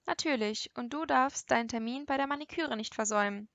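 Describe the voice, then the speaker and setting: A woman's voice: a little high, brisk, gravelly, a bit bright, no echo, lo-fi sound. A woman reading the part of a cocky young man who teases with sarcastic remarks, in an audiobook. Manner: mocking, sarcastic.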